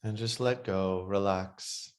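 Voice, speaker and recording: A man leading a guided breathwork meditation, speaking slow, soothing instructions that grow softer and quieter in the relaxation passages. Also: lowish voice, fairly even intonation.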